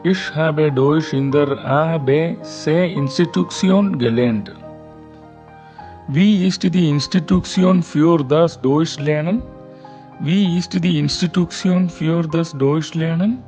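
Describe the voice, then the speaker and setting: Slow, careful male language teacher. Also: a little high, a little mellow, soft background music. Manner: says every line twice, slow and careful for learners. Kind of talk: slow repeated lesson dialogue.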